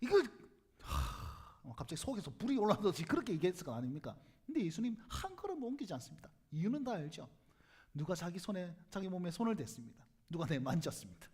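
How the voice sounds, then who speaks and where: Male pastor, Gyeongsang accent, animated sermon with a lively, swooping delivery. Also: high voice, fast talker, breathy edge. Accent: Gyeongsang Korean. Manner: animated storytelling, acts out crowd voices, jokes with congregation. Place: church sanctuary.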